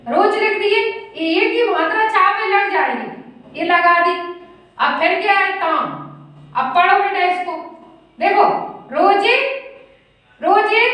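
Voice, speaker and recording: High-pitched woman teaching in an echoey room. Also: pushed and bright, recorded from a distance. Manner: patient, repetitive drilling, addresses students as children. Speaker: Sanskrit grammar teacher. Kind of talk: classroom-style lesson at a whiteboard.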